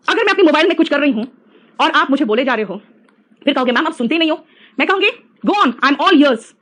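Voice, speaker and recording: A woman's voice: high voice, a bit bright. A middle-aged woman teaching an English class online, teasing her students and mixing English phrases into her talk.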